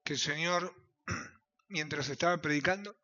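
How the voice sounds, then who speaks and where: A man preaching with a Rioplatense accent, his voice high and bright, cutting through a dull, lo-fi recording. He swings from shouted appeals to low, urgent murmurs. He speaks as a pastor in a fiery evangelical sermon. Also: unhurried, soft background music. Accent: Rioplatense Spanish. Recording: dull lo-fi sound.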